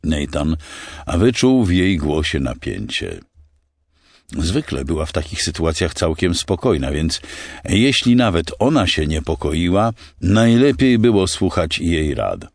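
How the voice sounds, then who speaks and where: A male narrator reading a science fiction audiobook with expressive storytelling. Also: low-pitched, measured pace, dry recording, clean studio sound.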